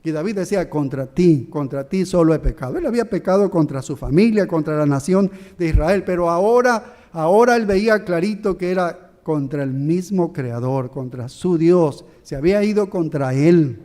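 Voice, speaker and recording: Warm-voiced pastor preaching a sermon. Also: male voice, high voice, lively intonation, normal speed, few pauses. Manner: preaching with rhetorical questions to the congregation.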